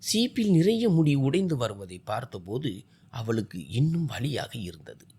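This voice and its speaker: A man's voice: medium pitch, very animated, a little slow, dark tone, breathy edge. A man narrating a scripted family drama story, reading expressively.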